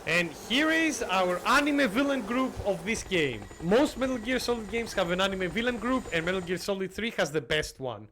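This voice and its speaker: Man, game streamer, swooping higher voice, chatty and jokey, halting delivery, faint background noise. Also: expressive, bright, forceful tone. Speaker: livestreamer playing a video game. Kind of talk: casual game commentary to chat.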